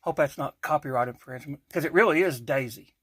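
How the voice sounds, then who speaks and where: A man's voice: on the high side, fast, fairly bright tone, breathy edge, no room sound. A man from Kentucky with an Appalachian accent hosting a home cooking vlog in a folksy, chatty way, correcting himself as he goes. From Kentucky, USA. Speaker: cooking channel host. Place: home kitchen.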